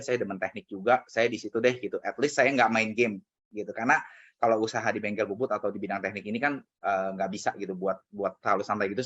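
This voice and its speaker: On a dull lo-fi recording, a man gives a casual motivational talk to colleagues, telling a personal story packed with conversational fillers. His voice sits on the low side and is husky and a bit bright.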